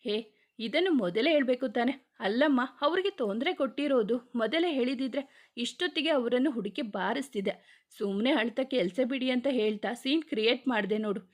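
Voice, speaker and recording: A woman's voice: a little high, lively intonation, fairly quick, natural voice. A woman reading the lines of a short-tempered young male police officer, speaking firmly and scolding. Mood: stern. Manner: firm, scolding, forceful delivery.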